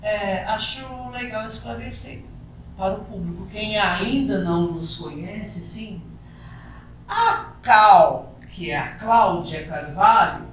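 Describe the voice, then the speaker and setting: A woman's voice: medium pitch, slow. A Brazilian woman co-hosting a casual podcast, breaking in with jokes and explanations for the audience. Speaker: podcast co-host. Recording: very echoey, far from the mic, crowd noise.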